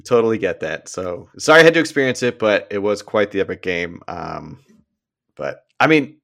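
A man with a somewhat low voice talks football in a relaxed podcast chat. He is friendly, laughs often and wanders into side stories. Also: moderate pace, vocal fry. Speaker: podcast co-host. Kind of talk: casual sports chat.

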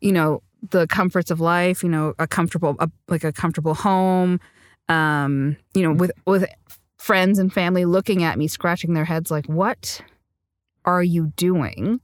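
A woman singer-songwriter speaks earnestly in an interview, with a lowish, smooth, resonant voice. She tells her story reflectively and laughs easily. The sound is dry and close. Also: fairly even intonation, normal speed, no echo. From Sri Lanka. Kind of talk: conversational interview.

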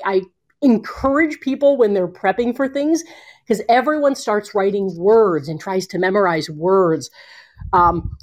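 A woman explaining communication skills in a conversational interview, animated and expressive, speeding up and slowing down for emphasis, speaking from home. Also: medium pitch. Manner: animated, expressive, shifting pace. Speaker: communication coach.

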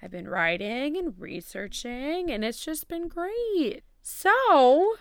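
A woman's voice: fairly high pitch, big pitch swings, takes it slowly, no room sound, studio quality. A woman in her twenties hosting a podcast, telling true crime stories in a chatty, informal way with slangy asides. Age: 20s. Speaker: podcast host. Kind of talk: casual true crime storytelling. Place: small closet at home.

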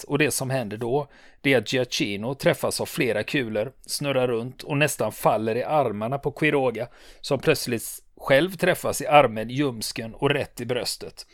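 A man narrates a military history episode as a podcast host, recounting events steadily with frequent "eh" pauses. His voice sits at a middling pitch for a man. The recording is close and dry, with no room sound. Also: no echo. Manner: calm storytelling, rising to excited when narrating combat.

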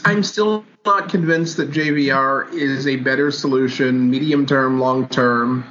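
A man co-hosting a casual hockey podcast, joking in a dry, deadpan way and then laying out his analysis step by step. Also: medium pitch, measured pace. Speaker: podcast co-host. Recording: dull lo-fi audio with faint hiss.

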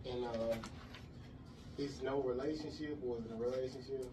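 A man's voice: mid-range voice, fairly even intonation, normal speed. A man hosting a podcast, asking loose, rambling questions full of fillers. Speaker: podcast host. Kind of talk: casual interview. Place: radio station studio. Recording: roomy studio, distant mic, noisy.

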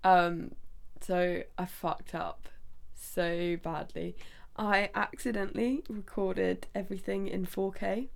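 Tired young woman with a creaky voice. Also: mid-range voice, steady tone, takes it slowly. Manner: chatty, trails off, asks questions. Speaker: podcast co-host. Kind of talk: casual chat.

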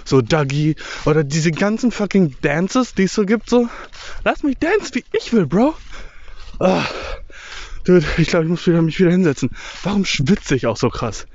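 A man's voice: a little high, lively intonation, moderate pace, darkish tone, highs cut off. A young man talking casually while walking through a forest, slangy and rambling, a bit out of breath. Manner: slangy, mixes English words, rambling. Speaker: vlogger. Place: outdoors in a forest.

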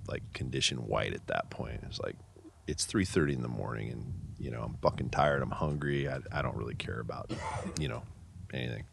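A man's voice: rumbling low, gravelly, fairly bright tone. A man in his fifties from the Pacific Northwest, a police patrol supervisor telling a story in a casual interview, in a blunt, profane, wry way. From Pacific Northwest, USA.

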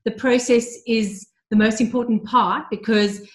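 A woman co-hosting a church talk show, gentle and encouraging with her guest. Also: fairly high pitch, fairly even intonation, unhurried. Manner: gentle, encouraging, affirming murmurs. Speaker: co-host. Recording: roomy echo.

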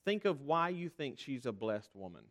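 A man's voice: medium pitch, big pitch swings, normal speed, fairly bright tone. A man with a mid-range voice delivers a sermon as a pastor. He speaks earnestly and conversationally, as if talking directly to his congregation, and often stumbles and restarts mid-phrase.

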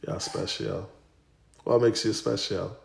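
A man's voice: fairly low pitch, steady tone, measured pace, gravelly. A man preaching and teaching a group, emphatically repeating short phrases. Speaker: preacher leading a Bible study. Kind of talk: interactive sermon, teaching. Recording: echoey room.

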